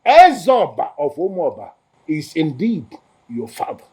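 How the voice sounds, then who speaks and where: An actor playing a solemn village elder in a film drama, firm, formal and persuasive. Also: male voice, on the high side, big pitch swings, unhurried, a little mellow. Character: solemn male village elder, chief's council.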